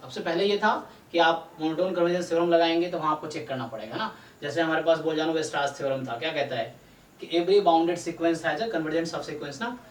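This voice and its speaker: A man teaching a live online math class, explaining step by step and often checking in with his students. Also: fairly high pitch. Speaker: statistics teacher. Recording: roomy echo, distant mic.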